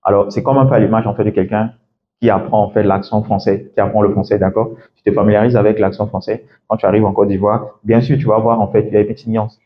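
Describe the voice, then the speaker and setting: A man's voice: on the low side, level tone, fast talker, muffled recording. A man working as an English coach gives a classroom lecture, explaining step by step and often checking in with "d'accord?".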